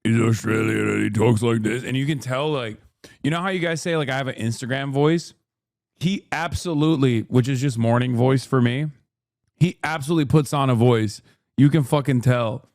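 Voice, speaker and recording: A man's voice: mid-range voice, normal speed, a little mellow, dry recording. A man in his thirties hosting a stream, giving rambling, emphatic, profane reaction commentary into a close mic. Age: 30s. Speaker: streamer host.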